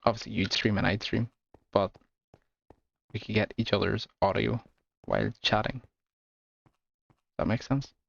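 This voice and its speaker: A man with an Irish accent chatting casually with his viewers while streaming a game, relaxed and laughing often. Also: on the low side, a little slow, vocal fry, long pauses, no room sound, muffled recording. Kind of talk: casual gameplay chat with viewers.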